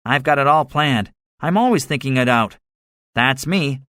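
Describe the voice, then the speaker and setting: Once more playing the cynical, bragging soldier survivor with big plans, the performer raises his voice above its natural pitch and lets it swing widely while keeping a moderate pace. The fairly high, slightly bright tone turns boastful and scheming, emphatic and swaggering. The audiobook dialogue is recorded at studio quality with no echo.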